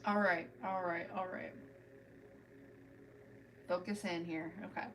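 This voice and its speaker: A woman with a lowish voice, fairly even intonation and a fairly bright tone speaks slowly on a casual livestream at home. She chats with viewers while painting her nails, narrating each step as she works. The mic is distant, with a little hiss or hum and rough overall audio.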